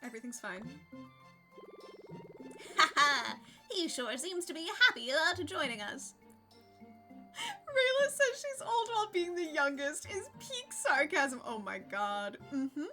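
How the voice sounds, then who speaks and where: A woman's voice: high voice, big pitch swings, unhurried, long pauses, sharp tone, soft background music. A young adult woman streaming a game live, chatting casually with frequent giggles and reading game text aloud.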